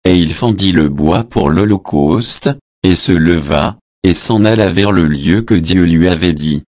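Deep, slow man reading scripture. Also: darkish tone, no echo, clean studio sound. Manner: measured, deliberate reading that voices the footnotes. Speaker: scripture reader.

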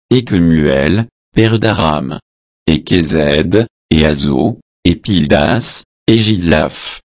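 A man reading a Bible passage verse by verse in a measured, solemn way, announcing the verse numbers and reading the translator's notes aloud. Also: sits low, dry recording, clean studio sound. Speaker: scripture reader.

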